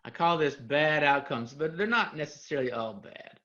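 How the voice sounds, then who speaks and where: A man's voice: a little high, lively intonation, moderate pace, bright, forceful tone, highs cut off. A man co-presenting a live online training session, casual and self-deprecating, inviting the audience to join in.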